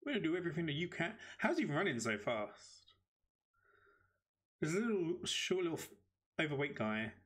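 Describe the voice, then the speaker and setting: A British man streams a game live and talks through it in a chatty, excitable way. His voice sits a touch on the high side for a man. He speaks into a desk microphone. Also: normal speed, pauses often. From United Kingdom. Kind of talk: live gameplay commentary.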